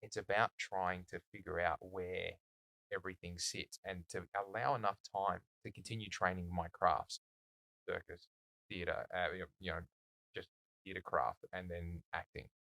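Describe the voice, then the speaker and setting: A man, a podcast guest speaking in a measured, reflective way with plenty of fillers. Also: low voice, little pitch movement, vocal fry, pushed and bright, no echo, poor audio. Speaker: guest, circus company founder. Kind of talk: casual conversational interview.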